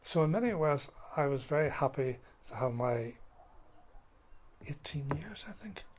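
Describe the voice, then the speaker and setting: An older retired school principal, telling stories in an interview in a halting way, full of restarts and fillers. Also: male voice, a little high, expressive, a little mellow. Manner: halting, many restarts and fillers, playful when telling a prank. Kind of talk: interview storytelling.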